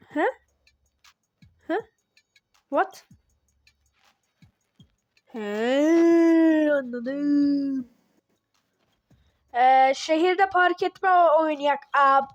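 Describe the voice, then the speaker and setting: A woman giving casual gameplay commentary as a channel host, excitable and talking back to the game when things go wrong. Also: high voice, no room sound, muffled recording. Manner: excitable, talks to the game, grumbles and yelps at mistakes.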